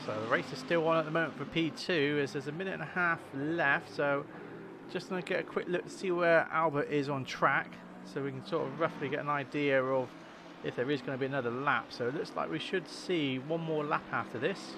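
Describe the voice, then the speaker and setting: Over the clear roar of engines, a livestream host keeps up relaxed, talkative commentary on a simulated motor race. His voice sits on the high side, and his delivery is brisk.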